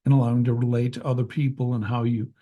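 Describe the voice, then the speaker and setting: A man interviewing a chaplain, asking gentle questions and affirming his guest's story. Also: mid-range voice, flat delivery, fast talker, phone-quality sound. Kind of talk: interview conversation.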